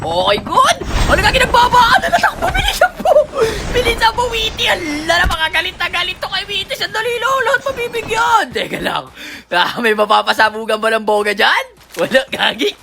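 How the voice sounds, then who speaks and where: A high-pitched woman streams a shooter game, her voice bouncing all over its range with a gravelly rasp. She laughs constantly, chats in slang with her viewers and yells at enemies. Loud gunfire and game noise run behind her. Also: a little fast. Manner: excitable, laughs often, yells at opponents; slangy, calls viewers "pre". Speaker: gaming streamer. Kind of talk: excited gameplay commentary.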